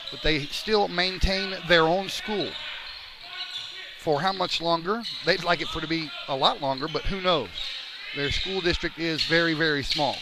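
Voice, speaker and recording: A man calling a basketball game live from courtside, a little out of breath. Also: on the high side. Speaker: play-by-play sports commentator. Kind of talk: live basketball radio-style commentary. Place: courtside in a school gym during a game. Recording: clear gym noise, bouncing ball behind. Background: basketball bouncing and game noise.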